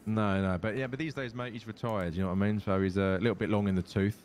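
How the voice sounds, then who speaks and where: A man's voice: lowish voice, steady tone, fast, darkish tone. A British man chatting in character in a game, sweary and matey, over noisy game ambience. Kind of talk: improvised in-character game chat.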